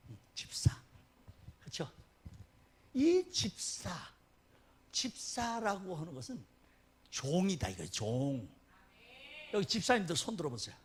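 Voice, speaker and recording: A man preaching a sermon as a guest pastor, animated and often laughing as he tells stories. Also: measured pace, long pauses, husky. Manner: animated, laughing, dramatic swings in pitch.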